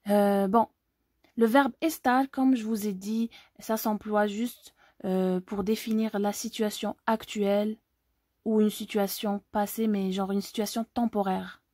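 A woman's voice: mid-range voice, steady tone, measured pace, darkish tone, no echo, clean studio sound. A woman from Algeria teaching an online language lesson, explaining step by step and often checking that viewers follow.

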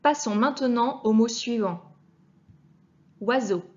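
A woman teacher giving a clear reading lesson to young children, speaking to the child directly and sounding out each letter with care. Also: fairly high pitch, a little mellow, highs cut off. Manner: patient, addresses the child directly, deliberately articulated sounds. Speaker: primary school teacher.

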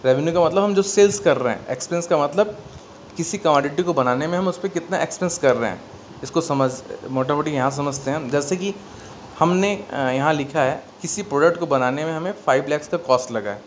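In a classroom lecture blending Hindi and English, a man with an Indian accent walks through an accountancy lesson step by step, asking and answering his own questions. His pitch is fairly high, his pace a little fast, and faint noise sits in the background.

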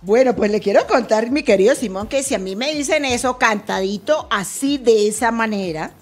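A woman's voice: a little high, normal speed, a little mellow, faint music behind. A woman hosting a casual radio interview, asking playful, teasing questions. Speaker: radio host.

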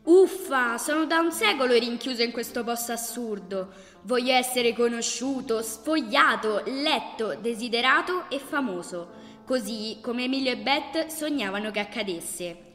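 A woman's voice: fairly high pitch, lively intonation, normal speed, hardly any pauses. A woman voicing a lonely, forgotten old notebook that pleads in a whiny voice to be found and famous. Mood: pleading. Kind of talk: audiobook reading. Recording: reverberant audiobook over loud music.

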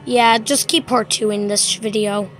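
A woman's voice: medium pitch, fairly even intonation, a little slow, fairly bright tone, soft background music. A woman hosting a casual home video while watching a New Year countdown, giddy, laughing and counting down aloud. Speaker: channel host.

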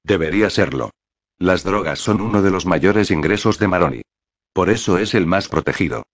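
A man's voice, most likely synthetic, reading the lines of a terse young male vigilante leader in an audio fanfic in a clipped, flat way. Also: low voice, moderate pace, dry recording, clean studio sound.

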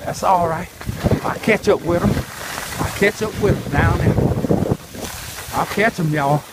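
Out on a ski slope, a middle-aged man with a high-pitched voice narrates his own run to viewers in short phrases he keeps repeating, audibly straining. The handheld camera or phone picks up loud wind and a rushing background.

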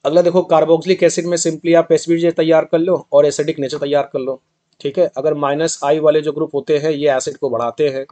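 A man's voice: a little high, little pitch movement, brisk, dark tone. A young man teaching chemistry exam revision, calling students "beta" and asking himself rhetorical questions.

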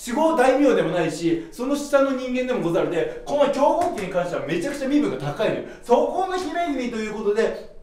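Young man, high voice, emphatic samurai-style lecturer, very echoey, distant mic. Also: sing-song, a little mellow. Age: young adult. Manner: emphatic, theatrical, drawn-out key words. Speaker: history channel host in samurai persona. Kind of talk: animated lecture to camera in archaic samurai speech mixed with casual talk. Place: small bare room at a whiteboard. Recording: echoey room, distant microphone.

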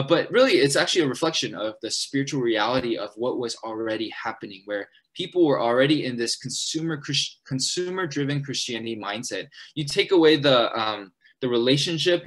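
A young man gives a church seminar talk to college students, pressing ahead in a hurried, earnest rush. His voice sits at an everyday middle pitch. He often stops to restart his sentences and fills the gaps with "um" and "uh". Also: a bit bright. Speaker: college ministry leader at a church.

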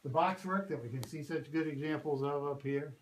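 A man's voice: a little high, brisk. A man working as a park ranger, giving a guided cave tour in a patient, explanatory way. He often checks in with the group. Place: visitor center lobby, then inside a cave. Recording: echoey cave with loud ambient noise.

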